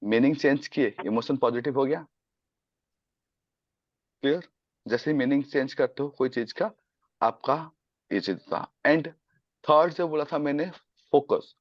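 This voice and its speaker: A man runs an online sales class, switching between Hindi and English and firing questions at his students. His voice sits at a middle pitch. The call audio is dull and dry, with no room sound. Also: unhurried, long pauses, dry recording. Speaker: sales coach.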